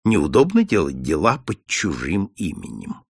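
A man voicing a shrewd, calm detective who speaks softly and kindly, in an audiobook. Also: deep voice, unhurried, creaky, husky, no room sound, clean studio sound, pitched below the performer's own voice, full character voice. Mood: gentle. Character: shrewd male detective, calm and gently confident. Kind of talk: audiobook character voice.

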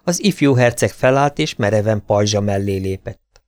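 A man with a low voice reads a fantasy audiobook in a steady, measured storytelling manner. The recording is close and dry, with no room echo. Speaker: audiobook reader.

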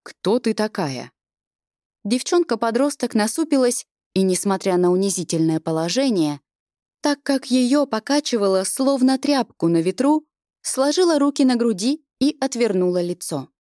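A woman's voice: on the high side, animated, moderate pace, mellow, no room sound. Woman narrating a story, dry close sound. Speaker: audiobook reader. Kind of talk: scripted narration.

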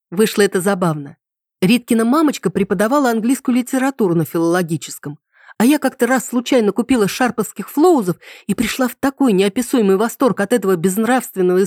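A woman narrating an audiobook in the first person with an ironic, lively storytelling manner. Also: a little high, no echo, clean studio sound.

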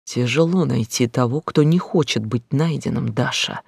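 Man doing a tired guarded brother, flat subdued voice, audiobook, dry sound. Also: mid-range voice, normal speed, vocal fry, slightly rough, no room sound. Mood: weary. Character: weary, guarded older brother.

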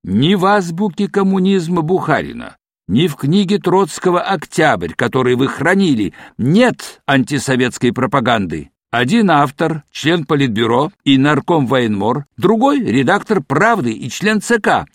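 A composed male intelligence officer, read by a man narrating an audiobook, pressing a prisoner with measured, probing questions. His voice sits a little high for a man and moves with lively intonation. The recording is dry and close. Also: no room sound. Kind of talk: audiobook reading.

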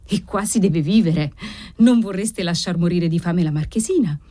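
A woman's voice: lowish voice, moderate pace, dark tone, lightly acted. A woman reading the part of an elderly servant who answers his master deferentially. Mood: pleading. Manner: deferential, pleading. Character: old male servant, humble and worried.

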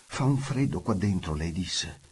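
A man reading a literary novel aloud in an intimate, measured way, slipping into the characters' dialogue as he goes. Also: deep voice, animated, a little mellow, breathy edge. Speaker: audiobook reader.

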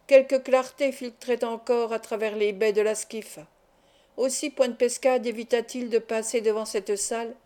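A woman's voice: a little high, dark tone. A woman reading a classic adventure novel aloud as an audiobook narrator, lifting her voice for the quarrels in the dialogue. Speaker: audiobook reader. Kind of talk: scripted narration.

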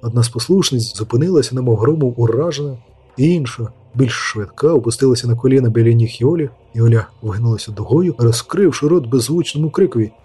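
A man narrating a fantasy audiobook in a steady storytelling manner, lightly voicing the characters. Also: medium pitch, fast talker, breathy edge. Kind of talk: scripted narration.

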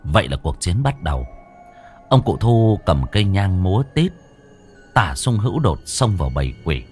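A man narrating a scripted horror story with lively, dramatic delivery. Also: sits low, normal speed. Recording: dry close voice, faint music.

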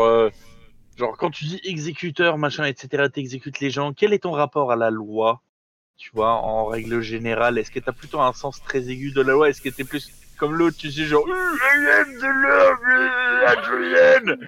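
A man's voice: medium pitch, dull audio. A man playing a tabletop role-play game, chatting in slang and stammering through repeated words and fillers. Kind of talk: casual slangy chat.

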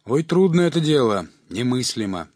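A man's voice: mid-range voice, very animated, normal speed, husky, dry recording, clean studio sound. A man voicing a sly, sighing older male market hustler in a story reading, with rustic folksy talk. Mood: mock sorrowful. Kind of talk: audiobook character voice.

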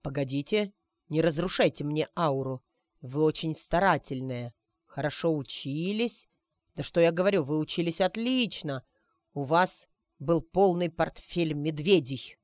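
A man's voice: fairly high pitch, unhurried, no room sound, studio quality, lightly acted. A woman voicing a cocky young man who teases a friend by pretending to be a wizard, in a playful, mock-mystical way.

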